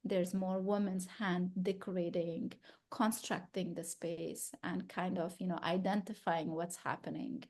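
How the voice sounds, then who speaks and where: Measured in pace, with a level, darkish voice on the low side, this Afghan artist in her thirties discusses her exhibited work at a gallery. She reflects carefully, frequently starting over as she looks for the right words.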